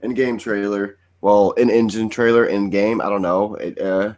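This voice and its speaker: A man's voice: lowish voice, fairly even intonation, normal speed, darkish tone. A man in his twenties co-hosting a podcast, chatting in a laid-back, joking way. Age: 20s. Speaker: podcast co-host. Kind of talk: casual chat.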